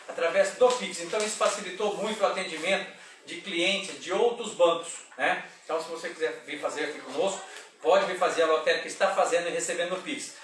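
A man's voice: on the high side, fairly bright tone, heavy reverb, distant mic, slight background noise. A middle-aged man who runs a lottery shop, chatting casually straight to camera as he reads out results and prices. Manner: chatty, reads numbers and prices off papers, adds "tá?" often. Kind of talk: casual direct-to-camera announcements. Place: small office in a lottery shop, indoors. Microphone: far camera on a desk.

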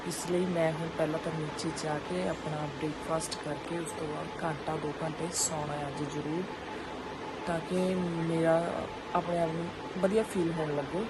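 A woman's voice: low-pitched, flat delivery, moderate pace. A woman in her thirties with a Punjabi accent, chatting casually to viewers and family as she narrates her home vlog. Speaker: family vlogger, mother. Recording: clear background noise, household and outdoor ambience.

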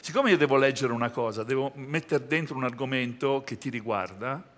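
Bright-voiced male TV host. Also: medium pitch, fairly quick. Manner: playful, teasing interviewer. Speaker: show host. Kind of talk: hosting a TV comedy show. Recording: large hall with audience. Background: audience crowd.

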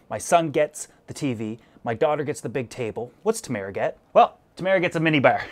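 Chatty man narrating a home build. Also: a little high. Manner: upbeat, chatty, jokey asides. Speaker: DIY aquarium video host. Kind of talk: casual build narration to camera. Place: basement room at home. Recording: faint background music.

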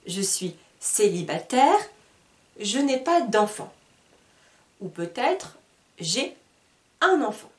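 A high-voiced woman teaches beginners at a very slow, deliberate pace, spelling words out letter by letter. Her pitch moves a lot as she stresses each example. She sits a little back from the mic in a roomy space. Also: big pitch swings. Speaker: French teacher. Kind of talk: slow, careful lesson for beginners. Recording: roomy sound, voice a bit far from the mic.

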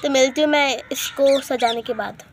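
A woman's voice: sits high, moderate pace, slight background noise. A woman hosting a casual step-by-step craft tutorial at home, chatty and calling viewers guys, repeating her instructions as she works. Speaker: craft video host.

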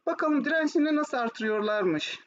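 Her voice high-pitched and expressive, a woman with a Turkish accent teaches German online at a moderate pace. She moves between Turkish and German, explaining and asking questions to check understanding. The screen-shared video class has muffled, noisy audio.

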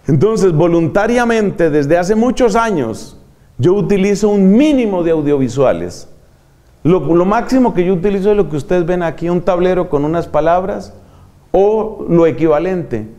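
An older man, a friar preaching a sermon in an animated, dramatic way that acts out examples. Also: on the high side, normal speed. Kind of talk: sermon to religious.

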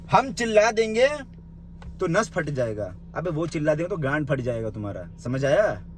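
A man's voice: fairly high pitch, slight background noise. A young man in a small room delivering an angry, insulting rant into his phone, mocking and confrontational. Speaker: social media commentator.

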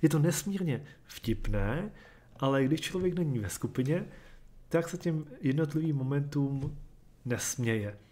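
Man reading literature aloud, measured. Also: fairly high pitch, lively intonation, mellow. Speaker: reader and commentator.

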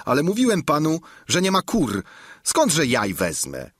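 Audiobook casting: slippery, boastful innkeeper, read by a man, raised voice, husky tone, dry sound. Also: on the high side, huge pitch swings, unhurried, fairly bright tone, no room sound, pitched above the performer's own voice, full character voice. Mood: evasive. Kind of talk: audiobook reading.

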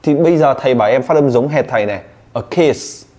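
A man's voice: mid-range voice, darkish tone. Teasing male pronunciation teacher. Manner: teasing, drilling with rapid questions. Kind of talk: one-on-one pronunciation coaching.

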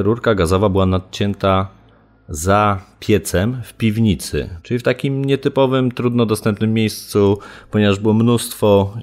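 A man whose voice is very low and a little mellow explains a criminal case in an interview. Nothing is scripted, and he hesitates often, filling the gaps with ums and uhs.

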